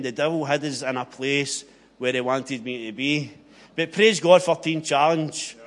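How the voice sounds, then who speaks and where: Man, broad west of Scotland accent, slightly high-pitched voice, earnest, plain-spoken, personal testimony, repeats key phrases. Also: a bit bright. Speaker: speaker giving personal testimony.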